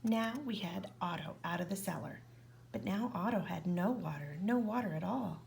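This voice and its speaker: A woman reading a children's picture book aloud, with expressive narration that often drops to a whisper. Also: fairly low pitch, normal speed, vocal fry, a little hiss or hum. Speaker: reader.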